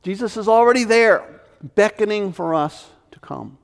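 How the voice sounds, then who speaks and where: Gravelly preacher in a reverberant hall. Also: male voice, sits high, animated, normal speed. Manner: emphatic preaching with sudden loud and hushed turns. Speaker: pastor. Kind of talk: sermon.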